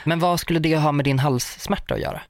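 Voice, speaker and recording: A woman's voice: low-pitched, a little mellow, no echo, studio quality. A woman co-hosting a casual podcast, joking around in a playful, over-the-top way. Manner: playful, jokey, exaggerated. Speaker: podcast co-host. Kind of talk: casual chat.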